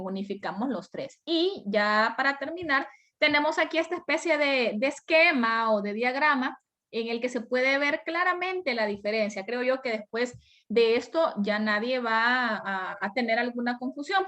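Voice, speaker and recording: A Salvadoran woman teaches a class over a video call, talking through each point and posing questions that she answers herself. Her voice sits fairly high for a woman. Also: fairly bright tone. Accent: Salvadoran Spanish. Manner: explanatory, asks and answers her own questions. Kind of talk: online class lecture.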